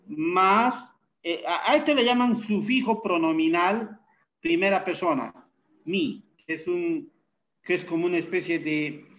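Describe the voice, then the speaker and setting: A man teaching a Bible Hebrew class, unhurried, often pausing with fillers and checking in with tag questions. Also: a little high, fairly bright tone, dull audio. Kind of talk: classroom lecture.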